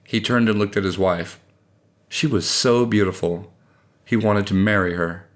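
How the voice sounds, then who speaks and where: A man reading a short story aloud in steady, measured audiobook narration. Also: lowish voice.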